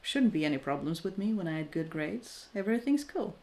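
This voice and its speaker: A Norwegian crafting streamer in her thirties chats casually and candidly with her viewers during a live stream. Her voice is on the low side, warm, very animated and fairly quick. She comes across as thoughtful and self-deprecating, frequently restarting her sentences.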